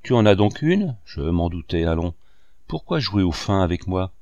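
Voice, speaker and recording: A man's voice: deep voice, big pitch swings, normal speed, darkish tone, dry recording, dull audio. A man voicing a greedy, mocking male accomplice who blackmails in a sneering, taunting way. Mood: threatening.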